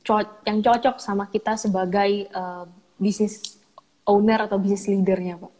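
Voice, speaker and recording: A woman co-hosting a business Q&A, asking questions softly and attentively. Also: medium pitch, little pitch movement, moderate pace, low-quality recording. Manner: soft, attentive, with many short acknowledgments. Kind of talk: casual conversational Q&A.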